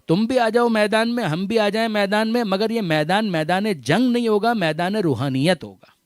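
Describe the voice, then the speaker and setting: A man's voice: high-pitched, no room sound, clean studio sound. A man giving a religious sermon to a gathering, reciting Arabic verses and explaining them with repeated phrases, rhetorical questions and English terms mixed in. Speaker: religious scholar giving a majlis lecture.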